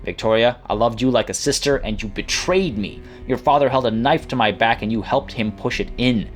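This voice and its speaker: A man's voice: mid-range voice, fairly quick, close to an everyday voice. A man voicing an earnest, righteous young noblewoman leader in a video game, speaking formally. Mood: wounded, accusing. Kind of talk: video game dialogue read aloud. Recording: music playing behind.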